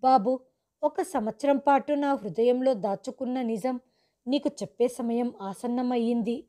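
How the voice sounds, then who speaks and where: Woman voicing storybook older mother, tearful, grave, gentle, high, mellow voice. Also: unhurried, lightly acted. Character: grieving older mother revealing a secret.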